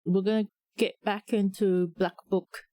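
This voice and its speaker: A woman streamer chatting casually with her viewers, talking with a slight lisp and a relaxed, rambling manner. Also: medium pitch, unhurried, no echo. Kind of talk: casual live-stream chat.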